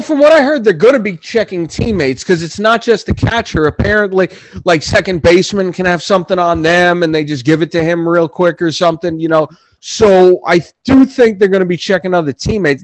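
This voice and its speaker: A man with a fairly high voice arguing sports in a casual podcast chat. He is blunt and opinionated and swears freely. The sound is dry and close. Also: no echo, low-quality recording. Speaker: podcast co-host.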